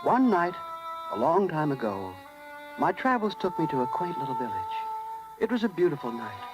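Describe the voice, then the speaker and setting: Lively folksy Jiminy Cricket. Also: male voice, fairly high pitch, normal speed, rough recording. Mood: folksy, dreamy. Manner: folksy, chatty, lilting. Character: small wistful cricket storyteller, friendly wanderer. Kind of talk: 1930s radio acting, folksy storytelling to listeners. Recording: vintage 1930s radio, loud orchestral music.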